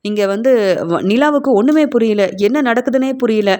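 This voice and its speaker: A woman narrates a serial episode in a plain, steady storytelling manner. Her voice sits a little high for a woman. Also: moderate pace. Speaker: serial reviewer.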